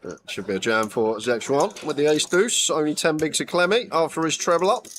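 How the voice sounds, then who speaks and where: A man giving excited, chatty live poker commentary in an animated, incredulous manner, quick to laugh. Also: fairly high pitch, a little hiss or hum.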